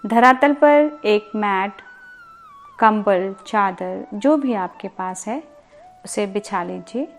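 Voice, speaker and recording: A yoga instructor with a mid-range voice leads a sleep meditation over soft background music. She speaks calmly and soothingly, taking her time, pausing often and repeating words.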